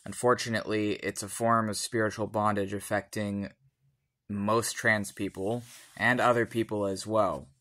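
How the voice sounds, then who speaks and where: A tipsy man giving a solemn personal monologue in deliberate, formal phrasing. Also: fairly low pitch, level tone, a bit bright. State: tipsy from alcohol.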